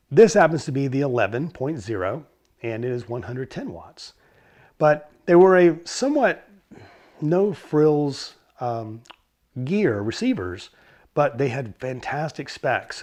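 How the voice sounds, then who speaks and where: Hoarse from a cold, a middle-aged man runs a vintage stereo channel and walks through old audio equipment in a casual explainer. His voice is mid-range and a little mellow, and he tends to ramble with fillers and correct himself.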